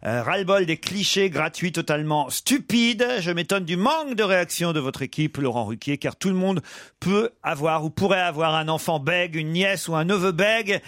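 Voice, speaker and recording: A man's voice: fairly high pitch, moderate pace, dry recording, studio quality. A man hosting a radio show, reading listener messages aloud and laughing easily. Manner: lively, laughs often. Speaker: radio host.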